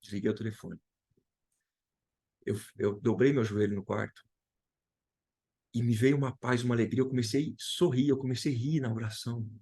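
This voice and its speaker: A man's voice: mid-range voice, moderate pace, pauses often, warm tone, slightly rough. A man from Brazil sharing an emotional personal testimony as a guest, retelling dialogue and repeating key phrases.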